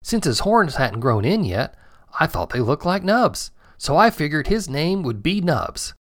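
A man's voice: on the high side, big pitch swings, a little slow, a bit bright, no echo, studio quality, voice pushed up. A man voicing a friendly, curious young boy in a kids' storybook, chirpy and matter-of-fact.

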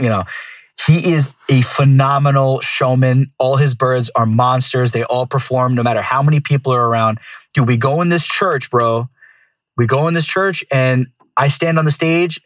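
A man's voice: medium pitch, no room sound. Slangy man telling casual stories. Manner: slangy, peppers talk with dude and bro. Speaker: guest falconer telling stories. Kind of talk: casual chat, animated storytelling.

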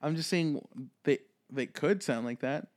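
A man in his twenties with a Midwestern American accent co-hosts a casual comedy podcast, joking and swearing freely. His voice is a little high and his pace a little slow.

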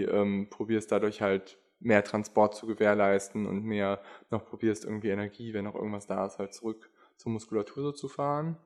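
A man's voice: fairly low pitch, a little mellow. A young man explaining physiology in casual chat, hesitant and full of fillers. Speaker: podcast co-host, endurance athlete.

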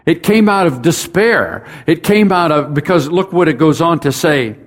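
A man's voice: fairly high pitch, lively intonation, moderate pace. A pastor preaching a sermon in a conversational way, talking straight to his congregation and building up to emphatic rhetorical questions. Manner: conversational, speaks directly to the congregation.

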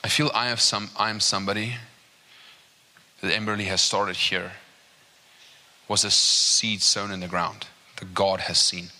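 Forceful low-voiced man preaching. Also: measured pace, pauses often. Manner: emphatic, repeats "right?" and "okay?"; grows higher and more animated as he builds. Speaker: guest preacher. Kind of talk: sermon. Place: church service.

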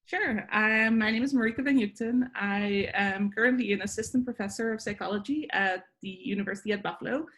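A woman's voice: medium pitch, a little fast, hardly any pauses, fairly bright tone. A woman in her forties from the Netherlands with a Dutch accent, answering interview questions thoughtfully with many fillers and restarts. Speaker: guest, psychology professor.

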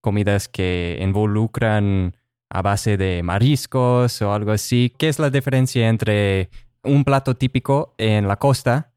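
A man hosting a casual chat, asking calm questions. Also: fairly low pitch, a little slow, clean tone, no echo, clean studio sound.

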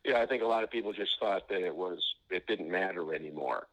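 Deep-voiced man on speakerphone. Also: a little fast, fairly bright tone, low-quality recording. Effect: heard over a phone on speaker. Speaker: author and interview guest. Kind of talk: phone interview chat. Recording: phone speaker picked up in studio.

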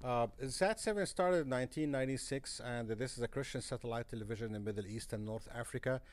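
A man from Egypt, a guest in a podcast interview, speaking earnestly and restarting his phrases often. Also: mid-range voice. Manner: earnest, halting with frequent restarts. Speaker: guest, missionary broadcaster. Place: conference center.

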